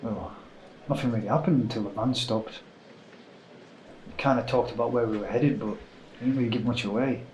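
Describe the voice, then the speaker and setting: An actor playing a witness who recounts a kidnapping in a hesitant, casual way. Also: male voice, medium pitch, normal speed, pauses often, a little mellow, roomy sound, slight background noise, close to an everyday voice, low-quality recording. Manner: hesitant, casual, filler-heavy.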